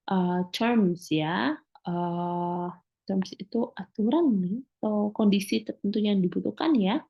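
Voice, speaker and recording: Gravelly woman teacher, hesitant lecture. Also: mid-range voice, dull audio. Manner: explains slowly with many "eee" fillers; reads English phrases aloud, then translates them. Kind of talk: recorded lecture.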